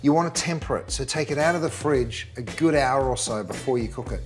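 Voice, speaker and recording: A man's voice: medium pitch, fairly quick. An Australian man of middle age with a mid-range voice walks viewers through a recipe in a studio kitchen. He talks in an upbeat, effusive, teacherly way. Music plays under him while a pan sizzles. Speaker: cooking show host. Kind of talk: cooking demonstration. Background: background music, sizzling pan.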